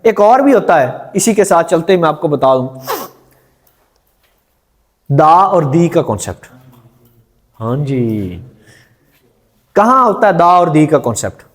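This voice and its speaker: A man's voice: a little high, sing-song, takes it slowly, pauses often. A male teacher giving a grammar lecture in a classroom, quizzing the students and repeating their answers.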